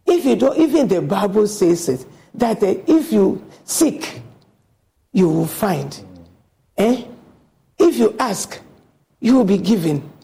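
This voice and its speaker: A woman with a gravelly, mellow voice and a creak running through her words. She talks as a passionate radio guest, slipping into a preachy tone and acting out the voices of the people she quotes. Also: medium pitch, very animated, takes it slowly, pauses often, poor audio. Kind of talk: earnest radio discussion.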